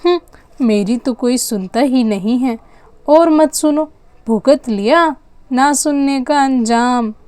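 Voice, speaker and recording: A woman voicing a sharp-tongued, scheming sister-in-law in a doll story, with a sarcastic, scolding manner. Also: sits high, slow pace, no room sound. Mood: taunting.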